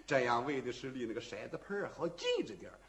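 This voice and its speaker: A man performing a traditional Shandong fast-clapper story, narrating in a rhythmic, vivid and dramatic way. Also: medium pitch, sing-song.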